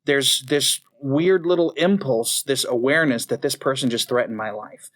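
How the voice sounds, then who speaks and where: A man co-hosting a podcast, talking in a relaxed, conversational way. His pitch is in the middle, and he lays out his ideas patiently and in a friendly tone. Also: normal speed. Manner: friendly, explains at length. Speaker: podcast co-host. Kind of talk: casual chat.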